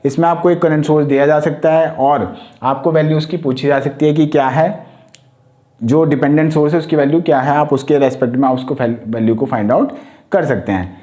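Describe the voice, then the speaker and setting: A man with a fairly high voice teaches a recorded lesson for exam students. He walks through each point step by step and talks straight to his students. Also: steady tone, brisk, dark tone. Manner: explains step by step, addressing students directly. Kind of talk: exam-prep lecture.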